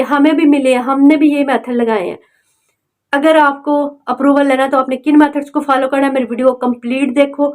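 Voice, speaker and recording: A woman's voice: sits high, darkish tone. A woman giving a motivational tutorial on online selling, urging viewers directly and often checking in with "okay". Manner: urging, repeats "okay" fillers, direct address.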